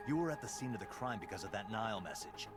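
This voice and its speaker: An actor playing a calm male detective in a game, speaking in a level, questioning way. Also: fairly low pitch, fast talker, close to an everyday voice. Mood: pressing. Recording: game audio over loud music.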